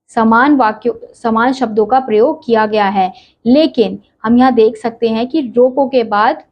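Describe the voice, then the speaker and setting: A woman's voice: a little high, highs cut off. A woman teacher giving a classroom lesson, patiently explaining step by step and asking questions she then answers herself.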